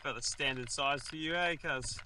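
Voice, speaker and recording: A man's voice: mid-range voice, moderate pace, bright, forceful tone, a little hiss or hum. A man chatting casually outdoors in matey slang as a fishing vlogger. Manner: matey slang, tags sentences with "eh". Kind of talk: casual outdoor vlog chat. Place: outdoors by the water. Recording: outdoor action-camera audio, music behind.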